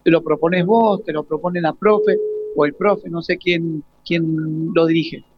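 On a live radio broadcast with a dull, lo-fi sound, a man in his forties interviews students casually. His Argentine Spanish accent comes through in a fairly high, steady-toned voice, and he speaks haltingly, rephrasing his questions again and again.

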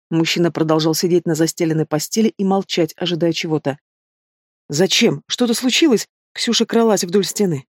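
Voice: medium pitch, a little mellow, no room sound, clean studio sound. An audiobook reader narrating a fantasy novel expressively. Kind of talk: scripted narration.

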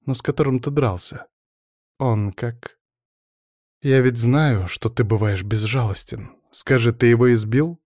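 A man reading an audiobook, voicing a sharp-tongued educated young woman who questions her estranged husband reproachfully. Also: medium pitch, unhurried, dry recording, clean studio sound, close to an everyday voice. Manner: reproachful, probing.

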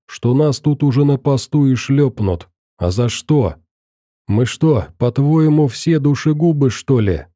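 A man voicing a weary middle-aged bandit who reasons calmly, in an audiobook. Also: mid-range voice, no room sound, clean studio sound, natural voice. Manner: calm, reasoning.

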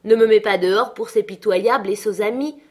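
A woman reading aloud, voicing a rough, jealous young man who speaks in an insistent, agitated way. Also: mid-range voice, normal speed, close to an everyday voice.

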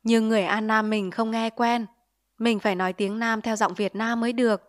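A woman voicing a stern, earnest middle-aged father who lectures his son in grave, measured tones in an audiobook story. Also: fairly high pitch, flat delivery, lightly acted. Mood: earnest lecturing.

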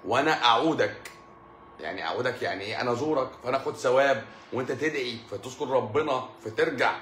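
A middle-aged man, a doctor with an Egyptian Arabic accent, speaks in a racing, medium-pitched, fairly bright voice. He tells joking stories to his live-stream audience and laughs frequently. The audio is echoey, carrying a little hiss or hum.

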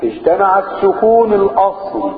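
A man with an Egyptian Arabic accent teaching Quran recitation rules, chanting the verses slowly and quizzing his students between quick explanations. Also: sits high, big pitch swings. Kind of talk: explaining tajweed rules in a lesson. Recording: echoey room over a tinny phone-like line.

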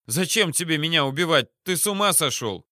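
A man voicing a blustering police captain who turns shrill and pleading, in an audiobook. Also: animated, brisk, pushed and bright, no echo, studio quality.

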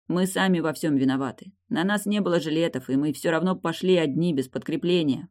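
A reader voicing a wounded man who gently reassures his crying wife in an audiobook. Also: medium pitch, close to an everyday voice. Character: wounded man, tender, consoling husband.

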